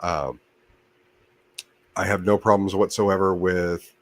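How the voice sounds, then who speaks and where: A man's voice: low-pitched, steady tone, takes it slowly, dry recording. A man hosting his own channel, talking casually on a livestream in a rambling way with many restarts and fillers. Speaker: channel host. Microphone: desk mic by a computer monitor.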